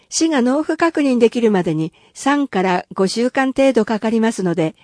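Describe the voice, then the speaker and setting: A woman reading official city announcements in a careful, even and formal manner. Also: a little high, no room sound, studio quality. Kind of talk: scripted reading of public announcements.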